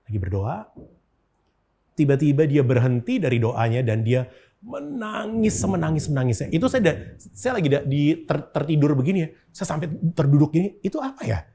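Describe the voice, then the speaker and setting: A man's voice: on the high side, sing-song, normal speed, creaky, dark tone. A man, a guest in an interview, telling a personal story in casual chat, with frequent filler words. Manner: storytelling with frequent 'gitu' fillers and acted-out quotes.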